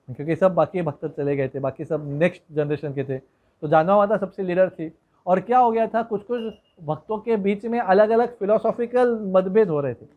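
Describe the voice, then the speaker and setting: A man preaching a devotional story in a relaxed, conversational way, with digressions and hmm fillers. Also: high voice, highs cut off.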